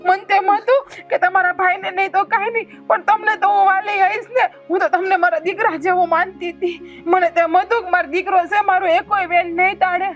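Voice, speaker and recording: A headstrong village sister-in-law with a lilt, whose voice sits very high and who swings from tearful pleading to bossing the house around. Soft music lies faintly under her. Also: fairly quick. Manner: emotional, pleading then bossy. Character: rural sister-in-law, stubborn, weepy, scolding.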